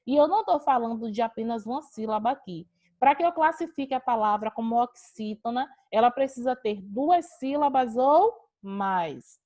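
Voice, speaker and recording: Brazilian woman teaching, slightly high voice. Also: expressive, moderate pace, mellow. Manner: explains step by step, asking and answering her own questions. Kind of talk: online grammar lesson. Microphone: video call.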